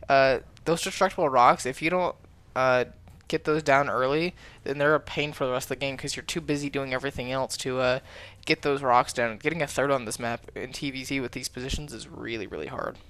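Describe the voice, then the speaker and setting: A man commentating a strategy game match, calm in analysis and excitable when fights break out. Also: mid-range voice, brisk. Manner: excitable, shouts during fights. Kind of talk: esports casting.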